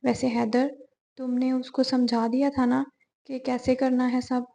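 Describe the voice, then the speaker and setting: A woman's voice: sits high, little pitch movement, unhurried, vocal fry, mellow. A woman voicing a hot-tempered young man joking bluntly with his friend.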